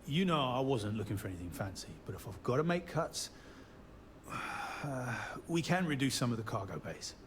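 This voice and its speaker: A man's voice: medium pitch, big pitch swings, normal speed, fairly bright tone, slight background noise. An actor playing an easygoing, reluctant man on a design team in a video game, hesitant and plain-spoken. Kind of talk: scripted game dialogue.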